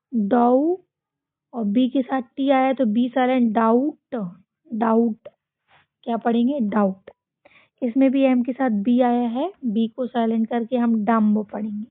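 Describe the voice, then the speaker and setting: Indian woman teaching children slowly, tinny sound. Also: on the high side, no room sound. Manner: slow, drilling repetition with call-and-response questions. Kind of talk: children's phonics lesson. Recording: tinny, phone-like dry sound.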